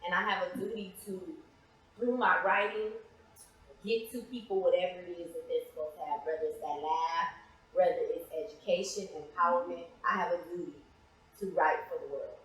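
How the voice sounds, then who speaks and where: Speaking a little fast in a lowish, steady voice, this American woman reflects earnestly as an interview guest. She's a playwright and author, answering questions in a conversational way, recorded in a highly reverberant, echoey space.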